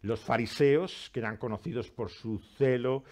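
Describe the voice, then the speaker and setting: A man's voice: mid-range voice, moderate pace, darkish tone. A man who reads a scripture passage with dramatic rises and falls, then preaches earnestly as pastor. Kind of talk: scripture reading and sermon.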